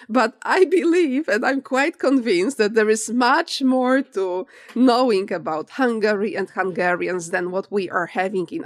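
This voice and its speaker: A woman from Poland with a Polish accent, hosting a podcast with a measured, deliberate delivery. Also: mid-range voice. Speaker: podcast host. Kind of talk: scripted intro and interview questions.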